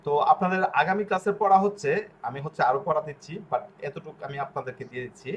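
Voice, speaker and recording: A man with a slightly high-pitched voice teaches a pronunciation lesson. He spells out letters and repeats short syllables slowly and deliberately. He speaks Bengali as his first language. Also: animated.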